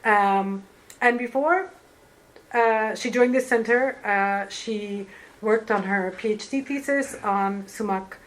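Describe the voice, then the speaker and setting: A woman's voice: mid-range voice, slow pace, low-quality recording. A woman moderating a panel who introduces the next speaker casually, with fillers. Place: community centre hall.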